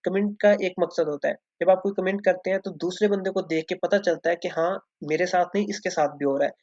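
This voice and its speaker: A man with a Pakistani accent hosts a video for a student community, explaining things earnestly and informally, repeating himself to instruct and mixing English phrases into his speech. His voice is high-pitched, a little mellow and fairly quick. The recording is dull, lo-fi, close and dry.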